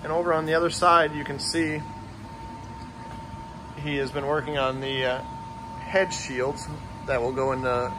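A man who owns a fabrication shop, casually narrating a walkthrough of his projects, talking plainly with many pauses and fillers. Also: mid-range voice, noisy background. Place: large metal fabrication shop.

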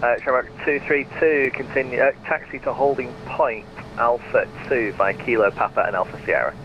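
A man working as an air traffic controller, talking in measured, polite radio phraseology over a radio transmission with static bursts. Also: medium pitch. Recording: muffled radio with faint hiss.

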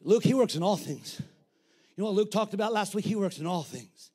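A middle-aged man preaches a fiery sermon, his voice sitting very high for a man. He talks bluntly and colloquially and often breaks into shouts. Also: expressive, fairly quick, slightly rough. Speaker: pastor.

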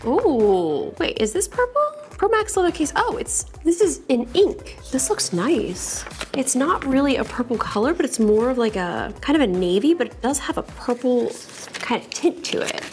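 A woman's voice: high voice, very animated, normal speed, a little mellow. Woman, tech vlog host, bubbly, gushing, casual unboxing chat, studio, faint music behind. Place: her own studio.

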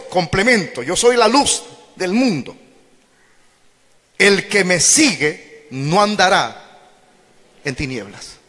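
Emphatic high-voiced man preaching in a church. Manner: emphatic preaching, swings from shouts to low drawn-out words. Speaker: pastor. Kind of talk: sermon. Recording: long hall reverb.

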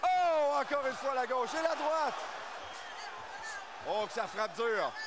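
A man with a Quebec French accent calling a boxing match live in an excited, exclamatory way. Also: very high voice, slow pace, very noisy. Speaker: boxing commentator. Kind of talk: live sports commentary. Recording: loud arena crowd behind commentary.

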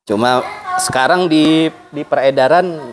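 A man who collects and sells houseplants, chatting casually and answering with short, relaxed replies. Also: on the high side, measured pace, noisy background. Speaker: plant collector and seller. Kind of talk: casual chat showing plants.

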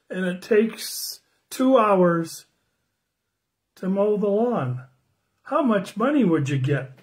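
Slow, gentle older man preacher. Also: high voice. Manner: slow, gentle and friendly, greeting viewers by name and asking questions. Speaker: pastor giving a children's sermon. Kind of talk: children's sermon on a livestream. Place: small room indoors at home. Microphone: phone camera close up.

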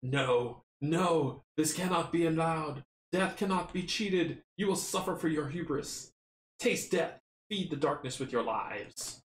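A man's voice: a little high, expressive, unhurried. A man voicing a vengeful, unearthly spirit from a game storybook, solemnly pronouncing doom. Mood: menacing, vengeful. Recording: roomy, noisy home recording.

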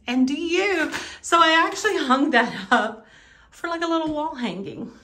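A home and cleaning vlogger talks casually as she moves through rooms of a house like the bedroom and bathroom, rambling and correcting herself conversationally. Her voice is on the high side and bright, with a forceful tone.

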